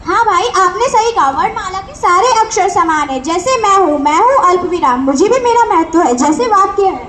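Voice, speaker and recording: A woman's voice: very high-pitched, animated, normal speed, a bit bright, slight background noise. A female performer playing a patient comma punctuation mark, explaining in a school stage skit. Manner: explaining, asks questions. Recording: echoey room.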